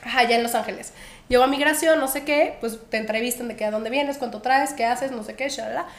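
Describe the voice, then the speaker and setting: An animated young Mexican woman tells a story with plenty of slang and laughter. Her voice sits high. The room is echoey. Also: fast talker. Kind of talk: casual storytelling chat.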